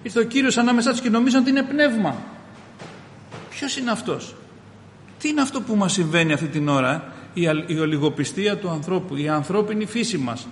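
A man preaching a sermon as a pastor, impassioned, rising loud on key phrases and calling his listeners brothers. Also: high-pitched, slight background noise. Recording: reverberant hall, faint ambience.

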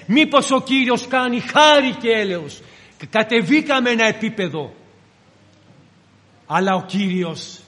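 Delivering a sermon in a large church hall whose long reverb rings out, a very high-voiced preacher dramatizes the scripture story and slips into its characters' voices. His tone is a bit bright.

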